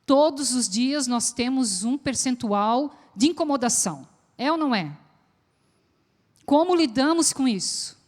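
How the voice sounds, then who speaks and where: Lively Brazilian woman speaking in a church. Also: high-pitched, measured pace. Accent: Brazilian Portuguese, southern. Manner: lively, asks the audience questions. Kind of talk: church talk to a congregation. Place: church hall. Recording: long echo of a large church hall.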